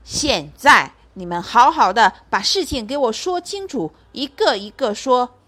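A woman voicing a very old, half-deaf and sly male circus bear with a slow, drawling voice. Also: fairly high pitch, sing-song, a bit bright, breathy edge, full character voice. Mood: calm.

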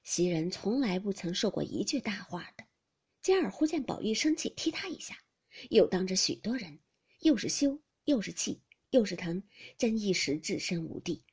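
A woman's voice: medium pitch, normal speed, husky. A woman narrating a classic novel audiobook expressively, often dropping to a whisper. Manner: expressive, with many whispered passages.

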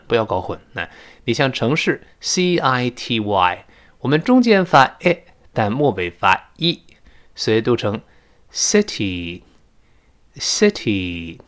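A man teaching an English lesson, explaining with eagerness and slowly repeating words to model how they sound. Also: medium pitch, fairly bright tone.

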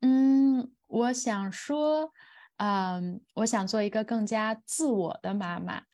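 Thoughtful woman podcast host, measured and reflective. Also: on the high side, dark tone. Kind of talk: reflective personal talk in a podcast.

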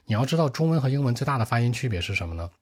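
A man teaching exam-speaking tips in a brisk, direct way, talking straight to his viewers. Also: medium pitch, sing-song, slightly rough. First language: Mandarin Chinese.

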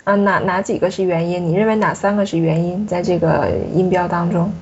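A woman's voice: fairly low pitch, fairly even intonation, fairly quick, darkish tone, breathy edge, dull audio. A woman French teacher giving a classroom pronunciation lesson, patiently asking her student questions and drilling sounds.

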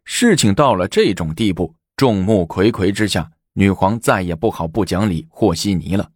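A man narrating a historical story in an expressive storytelling manner. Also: low voice, moderate pace, dry recording, clean studio sound.

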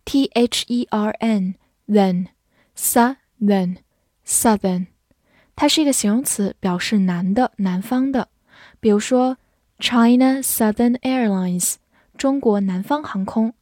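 A woman teaching English vocabulary in a clear, patient way, spelling out words and reading model sentences slowly. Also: on the high side, warm tone, dry recording, studio quality. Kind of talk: vocabulary lesson.

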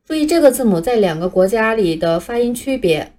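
A woman teaching English letters, speaking patiently and clearly in a scripted lesson, with Chinese as her first language. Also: a little high, animated, a little fast, warm tone. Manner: patient, clear, modeling pronunciation for learners to repeat.

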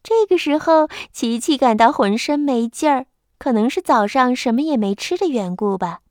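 A woman storyteller reading a bedtime picture book aloud, gently addressing children. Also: on the high side, normal speed, dry recording, studio quality.

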